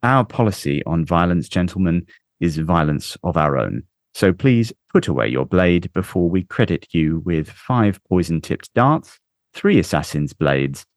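A man reading a story aloud, voicing a smooth, silky male banker who talks with polite, quiet menace. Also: extremely low pitch, dry recording, studio quality, exaggerated voice.

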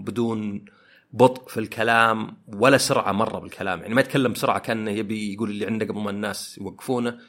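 A man talks through his ideas in a reflective podcast monologue, thinking aloud as he goes. His voice sits fairly low, and he moves along quickly, filling gaps with hesitant little sounds while he searches for the right word. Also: a bit bright. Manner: thoughtful, searching for words with many fillers. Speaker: podcast host.

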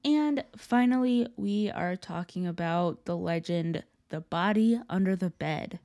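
Podcast host, young woman, slightly low and soft-edged mellow voice, informal legend storytelling. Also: unhurried, faint music behind. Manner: conversational, informal asides. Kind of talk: casual storytelling of urban legends.

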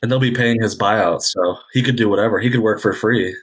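A man co-hosting a casual sports chat, dropping quick one-liners and chuckling asides. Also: fairly low pitch, breathy edge. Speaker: podcast co-host.

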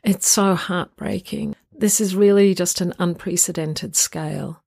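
A woman hosting a solo podcast in an informal, reflective and earnest way, her voice croaky from getting over the flu. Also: fairly low pitch, measured pace, darkish tone, no echo, clean studio sound. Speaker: podcast host.

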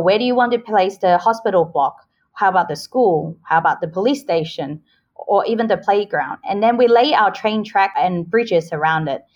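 Cheerful and earnest, this podcast guest in her forties spent her childhood in Hong Kong before growing up in Australia. Speaking in a mid-range voice, she gives casual interview answers illustrated with homely examples, captured on dull-sounding audio.

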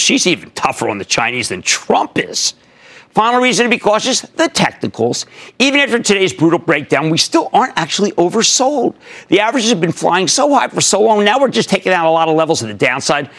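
A middle-aged man hosting a stock market call-in show, talking emphatically with sudden loud bursts and low asides. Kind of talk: energetic market commentary and call-in.

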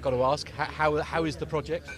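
A man's voice: a little high, steady tone, brisk. A man interviewing visitors outdoors at an airfield, chatty and jokey with many hesitant restarts. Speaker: interviewer at an aviation meetup. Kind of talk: casual vox-pop interviews. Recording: outdoor crowd noise. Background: crowd chatter.

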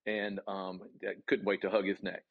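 A man with a Southern US accent, a college golf coach answering interview questions in an earnest, halting way with many ums and restarts. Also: low-pitched, completely flat delivery, dry recording, phone-quality sound.

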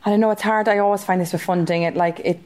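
A woman's voice: fairly low pitch, steady tone, quick pace, darkish tone. A woman, a community arts organiser speaking in a heartfelt, reflective way as a podcast guest. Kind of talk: podcast interview conversation.

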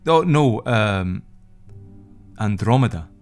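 A man's voice: fairly low pitch, lively intonation, slow, a little mellow, soft background music. A man playing a sheepish, uneasy young man, hesitant and wry, in an audio drama. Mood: anxious, guilty. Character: sheepish, uneasy, self-doubting young man under house arrest.

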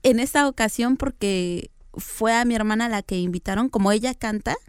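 A young woman from Oaxaca, Mexico, answering interview questions in a soft-spoken, hesitant way. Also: a little high, moderate pace, clean tone, no room sound, studio quality. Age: young adult. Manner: soft-spoken, hesitant fillers, light laughs. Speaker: interview guest. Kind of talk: relaxed interview conversation.

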